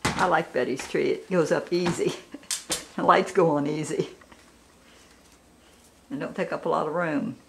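A woman's voice: deep voice, fairly even intonation, a little slow, vocal fry, pauses often, slight background noise. A woman vlogger chatting casually while filming a tour of a friend's house. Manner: chatty, encouraging, narrates the tour. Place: inside a house.

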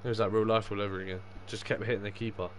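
A man's voice: fairly low pitch, flat delivery, racing. A young man chatting casually on a gaming livestream, sweary and full of matey slang. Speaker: livestreaming gamer. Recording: clear background noise.

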